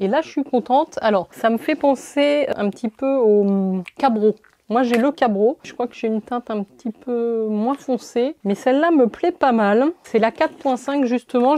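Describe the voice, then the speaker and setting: Chatty woman with a mellow voice. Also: fairly high pitch, dry recording. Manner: chatty, enthusiastic, many fillers. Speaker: beauty vlogger. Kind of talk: casual product haul chat.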